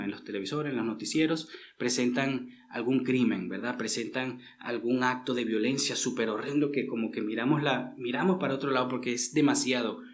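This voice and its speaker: A man's voice: mid-range voice, slight background noise. Man preaching an earnest sermon. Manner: earnest, repetitive emphasis, addresses listeners as brothers. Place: church.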